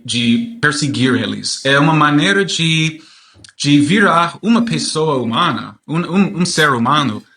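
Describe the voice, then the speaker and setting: American guy with english accent speaking portuguese, stops and hunts for words, bright voice, echoey room. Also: medium pitch. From United States. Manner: halting, searching for words in Portuguese. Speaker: journalist being interviewed. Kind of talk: spoken interview.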